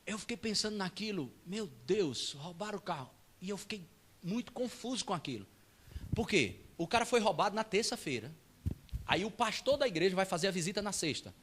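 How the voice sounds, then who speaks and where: Male pastor, high-voiced, animated comic storyteller in the pulpit. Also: a little fast. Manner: animated, humorous, acts out scenes. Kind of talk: sermon storytelling. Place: church.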